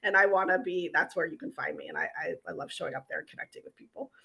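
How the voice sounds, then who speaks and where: A woman in her forties, a life coach guest on a podcast, talking in a warm, halting way and laughing easily. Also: lowish voice, steady tone, vocal fry. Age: 40s. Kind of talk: interview chat.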